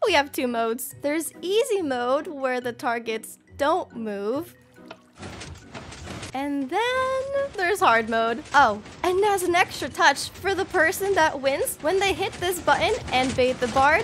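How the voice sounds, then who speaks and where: A young woman hosting a gaming video, excitable and cutesy, moving between scripted narration and playful chat. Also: sits high.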